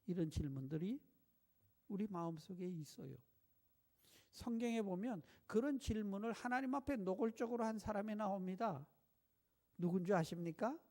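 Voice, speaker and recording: A male pastor preaching a sermon, putting rhetorical questions to the congregation in an animated way. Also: high voice.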